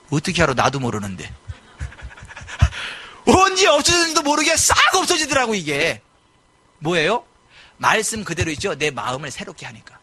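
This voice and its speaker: A middle-aged male pastor preaching a sermon in a church, animated and given to sudden loud exclamations. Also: fairly high pitch, breathy edge. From South Korea. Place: church sanctuary.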